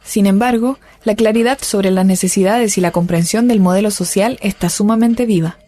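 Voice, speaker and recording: A woman's voice: medium pitch, moderate pace, mellow. A Chilean woman giving scripted documentary narration in an earnest, rallying way.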